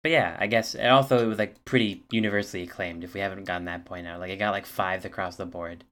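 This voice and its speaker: A man with a very low voice co-hosts a casual podcast. He reads out facts from his notes, filling the gaps with ums and uhs. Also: steady tone, fast talker, a bit bright. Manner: reads album facts from notes, hesitant fillers. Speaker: podcast co-host. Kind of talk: casual chat.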